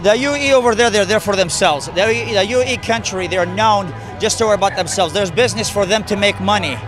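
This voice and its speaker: A man's voice: high-pitched, fast, over music. A young man of Palestinian family, interviewed outdoors at a rally, giving blunt, emphatic opinions. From Palestinian family, born in the UAE. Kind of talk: street interview. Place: outdoor rally on a park lawn.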